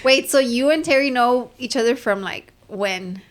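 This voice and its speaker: A young woman in her late twenties co-hosts a casual podcast. She jumps in with quick, curious questions. Her voice is slightly high. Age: 20s. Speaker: podcast co-host.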